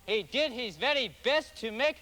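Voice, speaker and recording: An actor playing a contrary, childish storybook twin with a pedantic, singsong theatrical delivery. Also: male voice, very high voice, expressive, moderate pace, bright, forceful tone, full character voice. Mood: reciting. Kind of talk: stage-like fantasy drama acting.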